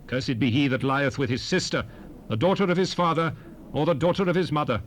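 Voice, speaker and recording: A man playing a solemn prophet, reciting scripture in a measured, declamatory way for a dramatized Bible recording. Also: a little high, natural voice. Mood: solemn, stern. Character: solemn male prophet proclaiming blessings and curses. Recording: hissy 1970s cassette recording.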